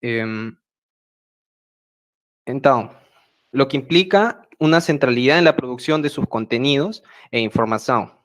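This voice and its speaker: A man with a Peruvian Spanish accent gives a prepared talk over a video call. He speaks in a measured way and fills his pauses with hesitant fillers. His voice sits at a middle pitch for a man. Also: fairly bright tone. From Peru, central Andes. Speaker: speaker at an online project meeting. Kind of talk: prepared talk at a web meeting. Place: home, remote video call. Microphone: video call mic.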